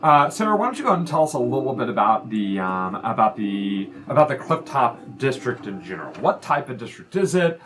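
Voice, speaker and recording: A man's voice: mid-range voice, big pitch swings, brisk, few pauses, a bit bright. Chatty man running a tabletop game. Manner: chatty, self-deprecating, lots of fillers. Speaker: game master.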